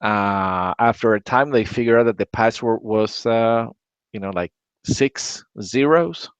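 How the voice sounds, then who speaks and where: Rambling low-voiced man, dull dry audio. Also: measured pace, smooth, dry recording. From Latin America. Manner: rambling, repeats words, many "right?" tags. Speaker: podcast host. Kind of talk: casual tech chat.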